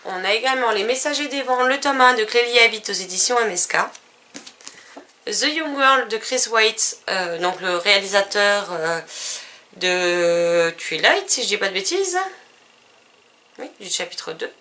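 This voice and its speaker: A woman's voice: on the high side, expressive, moderate pace, pushed and bright. A woman vlogger casually listing books and publishers, with fillers and self-corrections. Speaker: book vlogger. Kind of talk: casual book haul vlog.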